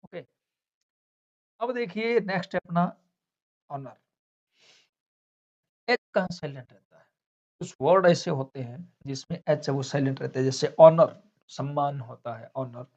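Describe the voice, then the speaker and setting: A man's voice: on the high side, unhurried, pauses often, a little mellow. A male teacher explaining English silent letters in a classroom lesson. He asks questions and answers them himself, step by step. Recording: dull lo-fi sound.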